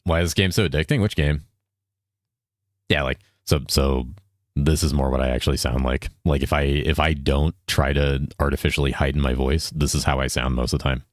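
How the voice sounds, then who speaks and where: This deep-voiced male game streamer keeps things laid-back, rambling through casual live chat while gaming, swearing a lot and reading viewer messages aloud. He holds his voice a little above its natural depth, and the studio-quality recording has no echo.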